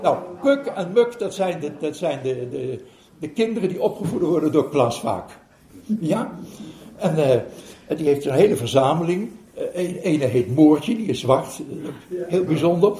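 A man's voice: fairly high pitch, warm tone. An older man, telling a story to an audience as a meditation teacher, chuckling and hesitating with fillers as he goes. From Netherlands. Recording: roomy hall recording.

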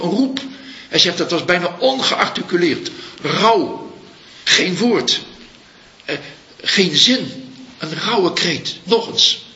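A man giving a reflective Buddhist dharma talk as a teacher, speaking slowly and searching for his words. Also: fairly high pitch, sharp tone. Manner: slow, searching, pauses to find words. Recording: echoey room, dull lo-fi sound.

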